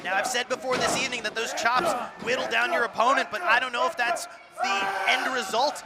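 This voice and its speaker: A man giving emphatic, projected color commentary at a live wrestling show, repeating phrases for effect amid loud crowd noise. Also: extremely high pitch, fairly even intonation, brisk.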